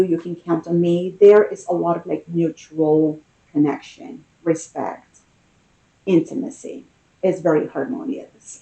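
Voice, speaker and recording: A woman giving an intimate tarot reading in a casual, conversational manner, with unhurried, drawn-out emphasis and a mellow, soft-edged voice. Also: lowish voice, poor audio. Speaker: tarot card reader.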